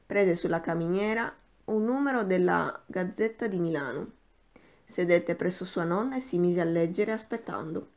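A woman narrating a classic novel in a measured, expressive audiobook reading. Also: fairly low pitch.

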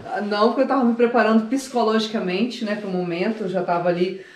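A woman's voice: medium pitch, steady tone, quick pace. A woman talking casually to her viewers in a vlog, chatty and giggly as she shows off the result. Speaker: vlogger. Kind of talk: casual vlog talk to camera. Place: barbershop, then home. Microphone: phone camera held by others. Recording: echoey room, faint background noise.

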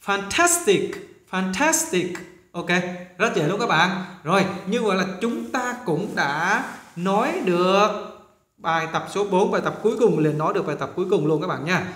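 A Vietnamese man teaching English pronunciation, repeating words slowly and coaxing his students along. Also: high voice, expressive, a bit bright, reverberant. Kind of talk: pronunciation lesson.

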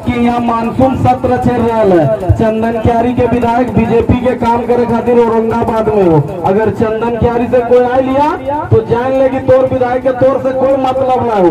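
Under an outdoor tent, a young man with a Jharkhand regional Hindi accent delivers a fiery, rhetorical rally speech in a very high voice, leading chants. He uses a handheld microphone over loudspeakers, and the phone recording captures distant, muffled PA sound and a loud crowd.

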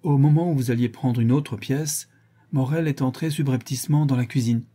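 A man's voice: mid-range voice, dark tone, lightly acted. Man voicing a stern, shrewd lady of the house. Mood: cold. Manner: measured, deliberate interrogation. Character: stern shrewd woman questioning her servants, cool and firm.

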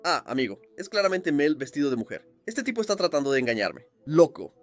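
A man narrating and voicing the lead of a dubbed game cartoon, animated and often exasperated. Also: on the high side, a little fast, no room sound.

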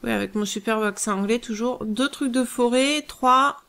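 A woman hosting a let's play, thinking aloud through strategy gameplay in a musing, hesitant way with many pauses. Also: fairly high pitch, vocal fry, a bit bright.

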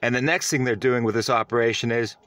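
A man's voice: mid-range voice, fairly even intonation, fast, a bit bright, dry recording. A man giving a self-recorded vlog monologue, earnest and rambling, often restarting his sentences. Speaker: vlogger.

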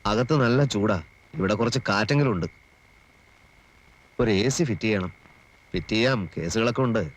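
A man's voice: lowish voice, animated, slight background noise, natural voice. An actor playing a smug young male lawyer. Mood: teasing. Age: young adult. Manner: self-satisfied, measured. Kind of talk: 1980s film drama.

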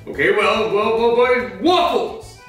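Man, high lively voice, chatty comic cooking host, home kitchen, far from mic, very echoey. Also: a little slow, faint music behind. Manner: chatty, joking, explains steps as he cooks. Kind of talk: comedic cooking demonstration in costume. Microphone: far camera.

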